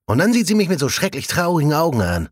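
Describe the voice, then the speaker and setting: A man doing an excitable male inspector. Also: a little high, fast talker, voice pushed up. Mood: fretful. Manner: excitable, indignant. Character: male police inspector, excitable, fond of his mother.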